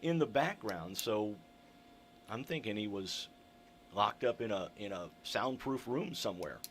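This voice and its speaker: Folksy male radio host, gravelly voice. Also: lowish voice, expressive, a little slow, a little hiss or hum. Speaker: local radio host running a call-in contest. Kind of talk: casual live radio chat. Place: radio studio.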